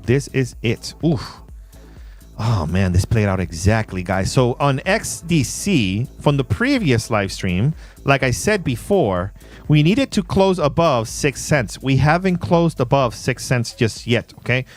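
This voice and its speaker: Playful guy on a livestream, bouncy voice going up and down, laughing a lot, some quiet music underneath. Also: medium pitch, sing-song, unhurried. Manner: playful, reads chat shout-outs, laughs often. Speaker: livestream host. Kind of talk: casual livestream chat. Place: in Puerto Rico.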